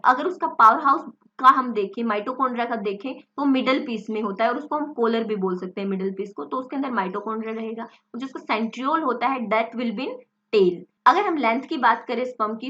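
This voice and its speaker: Woman lecturer with an Indian English accent, fairly high voice, asks and answers her own questions; dull, lo-fi audio. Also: a bit bright. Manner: explains step by step, asks questions then answers them. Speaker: nursing and medical lecturer. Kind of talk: lecture mixing Hindi and English.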